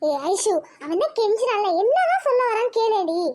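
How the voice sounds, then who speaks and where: A woman's voice: very high-pitched, sing-song, moderate pace, darkish tone. A woman voicing a bossy young female college friend in a Tamil cartoon, teasing and coaxing.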